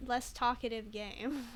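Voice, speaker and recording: Bright, giggly woman streamer. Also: fairly high pitch, slow pace, a little hiss or hum. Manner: playful, giggly, reads game text aloud. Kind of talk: casual let's play commentary.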